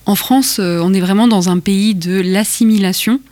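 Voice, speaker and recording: A woman's voice: mid-range voice, normal speed, a little mellow. A woman hosts the interview, asking long, careful questions. She hesitates often between phrases, and her voice sounds close and dry, with no room echo.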